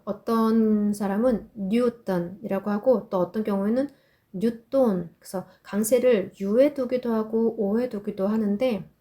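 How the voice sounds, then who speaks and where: A woman teaching Russian as a host, reading phrases slowly and carefully, then explaining them briskly. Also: fairly high pitch, mellow. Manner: reads Russian slowly and deliberately, explains quickly in Korean. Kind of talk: language lesson explaining a quiz.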